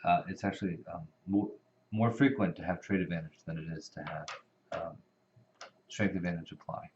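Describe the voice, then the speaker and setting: A man's voice: deep voice, fairly even intonation, normal speed, noisy background. A man who knows the game well, patiently explaining the rules in casual board game chat, with many fillers. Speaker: experienced player explaining rules. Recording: dull lo-fi recording.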